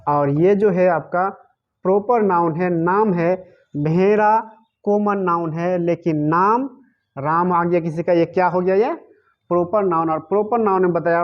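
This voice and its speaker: A male teacher giving a grammar lesson, asking his class questions and answering them himself, repeating the key words. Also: high voice. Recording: dull lo-fi recording.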